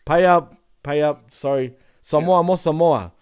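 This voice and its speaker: Blunt man, slightly high voice. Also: a little slow, a little mellow, clear, resonant tone. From Australia. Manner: blunt, swears a lot, laughs often. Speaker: podcast co-host. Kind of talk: casual chat.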